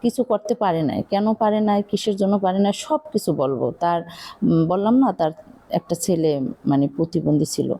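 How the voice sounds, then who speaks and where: Cooking as she talks, a middle-aged Bangladeshi woman vlogger with a Barishal Bengali accent rambles in a confiding, casual way, full of fillers. She speaks at a moderate pace in a fairly low, mellow voice.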